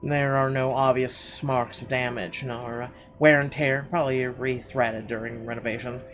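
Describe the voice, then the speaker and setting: With game music clearly audible behind him, a man hosts a gaming video, reading the game's narration aloud and tossing in casual, irreverent, profane reactions. His mid-range voice is a bit bright, level in tone and normal in speed, with slight background noise.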